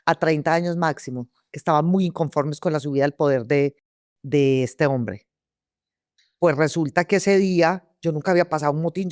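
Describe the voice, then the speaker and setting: A woman's voice: low voice, darkish tone, no room sound, studio quality. A Colombian woman telling her story as an interview guest, vivid and full of restarts and repeated words. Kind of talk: personal testimony in an interview.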